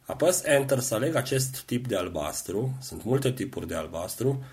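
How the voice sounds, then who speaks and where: A man's voice: mid-range voice, expressive, darkish tone. A middle-aged man patiently teaching a computer lesson, explaining each keystroke step by step. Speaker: computer skills instructor.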